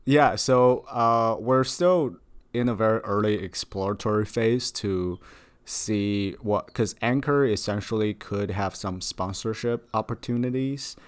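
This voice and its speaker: A young man, a grad student co-hosting a podcast, chats casually with plenty of fillers and repeated words. His lowish voice is unhurried and clean in tone.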